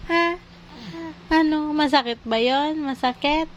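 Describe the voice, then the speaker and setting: A mother in a casual home video, coaxing her toddler with slow, playful questions. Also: high voice, muffled recording, slight background noise.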